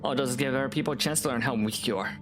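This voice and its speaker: A man's voice: mid-range voice, rapid-fire, over music, natural voice. A man voicing a tough young woman in a game who wryly recounts an embarrassing memory. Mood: rueful.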